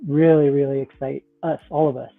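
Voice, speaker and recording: Faint music plays behind a podcast guest, the founder of a metaverse project, whose call audio sounds tinny and phone-like. He talks briskly in a mid-range, gravelly voice with a flat delivery, rambling casually and leaning on "like," "you know" and "right?"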